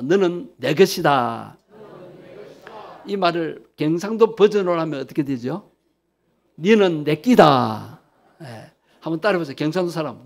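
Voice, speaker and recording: A man's voice: a little high, a little mellow. A male pastor preaching a sermon emphatically, leading the congregation in repeating phrases.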